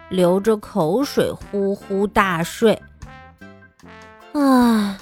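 A woman telling a children's storybook aloud, with a lively, animated, childlike narration. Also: mid-range voice. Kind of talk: expressive storybook reading for children.

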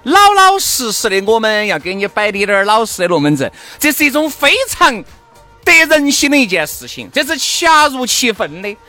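Male co-host, Sichuan accent, bright forceful voice, very lively pitch swings, slangy teasing banter. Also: moderate pace, soft background music. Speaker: talk show co-host. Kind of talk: casual comedic banter.

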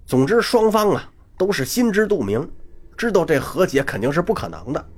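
A man telling a traditional Chinese story, dramatic and animated, with vocal sound effects. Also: on the high side, normal speed, breathy edge.

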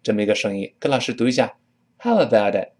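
A middle-aged man with a Mandarin Chinese accent teaching spoken English, jumping higher in pitch whenever he models the English phrases. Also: racing. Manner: lively, rises high when modeling English phrases.

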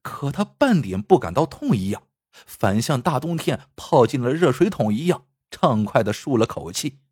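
A man's voice: medium pitch, sing-song, normal speed, darkish tone, slightly rough, no room sound. A man narrating a dramatic story expressively, acting out the scenes close to the mic.

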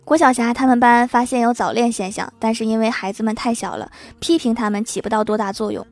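A woman with a fairly high voice hosts a comedy podcast. She reads funny anecdotes in a lively, playful way and chuckles at her own punchlines. Soft music plays quietly underneath her. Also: fast talker. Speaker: podcast host.

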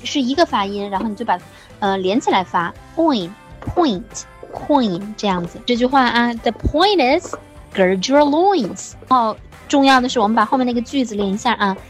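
Woman, pronunciation teacher: patient, slow demonstrations, fairly high voice, faint music behind. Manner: patient, demonstrates words slowly, praises students. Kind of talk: online pronunciation lesson.

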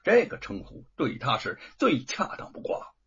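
A man's voice: medium pitch, wildly swooping pitch, normal speed, fairly bright tone, breathy edge, heavily acted. Man voicing a defiant proud scholar. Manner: scornful, ringing, unbowed. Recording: dull lo-fi recording.

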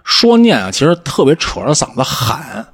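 A man with a Beijing accent telling stories in a casual chat, animated and acting out the shouts of the people in them. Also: mid-range voice, moderate pace, vocal fry, husky. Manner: animated storyteller, acts out shouts. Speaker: podcast host, former lama.

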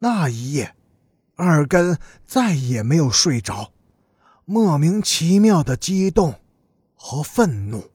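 A man narrating a serialized audiobook story in a slow, deliberate, dramatic manner. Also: on the high side, big pitch swings, darkish tone, slightly rough, dry recording, studio quality.

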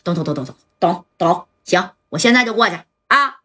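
A gruff gangster underling voiced by a woman and dropped low, fast to agree and eager to please. The voice is husky. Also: expressive, sharp tone, full character voice.

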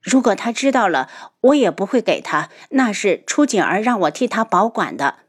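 A woman's voice: medium pitch, very animated, normal speed, slightly rough. A woman voicing an affectionate young wife in an audio novel, light and cheerful in tone.

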